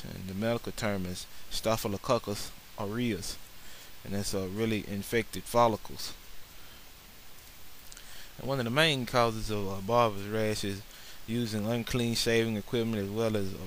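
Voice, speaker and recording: A man's voice: lowish voice, a bit bright, a little hiss or hum, rough recording. A man narrating a slideshow lesson on barbershop sanitation in an earnest way, with many filler words. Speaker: barber instructor.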